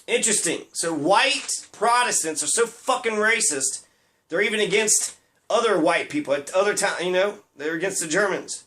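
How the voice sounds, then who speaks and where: A man's voice: high-pitched, lively intonation, moderate pace, pushed and bright, slight background noise. A man delivering a rambling, profane ranting monologue, sarcastic and laughing at his own jokes.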